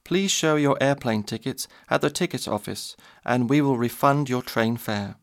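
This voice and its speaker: A man making a formal, steady scripted train station announcement. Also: mid-range voice, normal speed.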